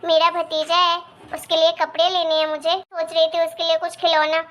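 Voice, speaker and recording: Bright, high-pitched cartoon daughter, eager and loyal, voiced by a woman. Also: flat delivery, moderate pace. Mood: insistent. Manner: eager, reassuring. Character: cheerful, loyal young married daughter. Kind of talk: animated cartoon voice acting.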